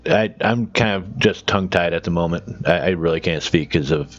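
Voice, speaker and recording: A man playing in a tabletop game, talking in an animated, laughing way. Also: low voice, moderate pace. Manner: laughing, animated player talk. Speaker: player. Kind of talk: casual tabletop game chat. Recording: dull lo-fi mic.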